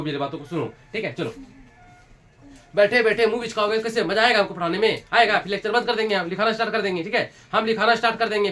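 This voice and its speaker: A man's voice: high voice, fairly bright tone. A young man teaching a classroom lesson, repeating points, quizzing students, scolding and joking with them. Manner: repetitive, drills students with questions. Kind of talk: classroom lecture.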